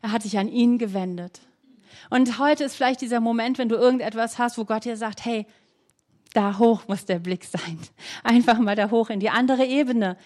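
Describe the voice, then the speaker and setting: A woman preaching a sermon, earnest, asking her listeners questions and reading scripture slowly with emphasis. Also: fairly high pitch, darkish tone.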